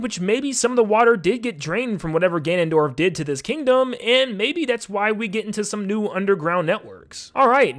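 A man hosting a gaming video, giving casual, excitable and playful commentary on a game trailer. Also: high-pitched.

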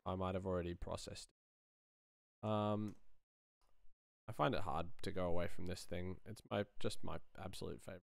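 In a casual screen-share commentary, a thirtysomething man muses on sound design as he works. His low, creaky voice keeps fairly even intonation at a moderate pace, pausing often, with no room sound.

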